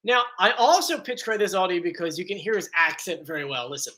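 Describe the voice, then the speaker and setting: A man hosting a casual live stream, chatty and excitable, reading chat comments aloud. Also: high-pitched, quick pace. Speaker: host.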